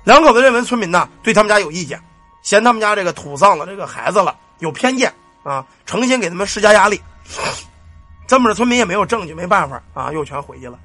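Earthy male storyteller, bright husky voice, wildly animated delivery. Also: sits high, fast, no echo, soft background music. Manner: colloquial, earthy, cursing, animated sound effects. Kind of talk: spoken ghost-story narration.

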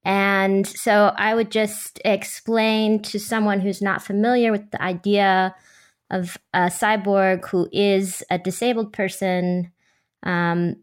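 A woman speaking as a panelist in a thoughtful, conversational discussion, articulate and measured, with academic wording. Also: medium pitch.

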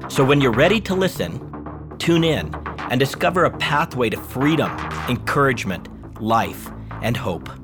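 A man presents a scripted Bible teaching podcast in a mid-range voice. He reads measured and deliberate, slowing down on key phrases for emphasis. His delivery is steady and earnest throughout. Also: mid-range voice, over music.

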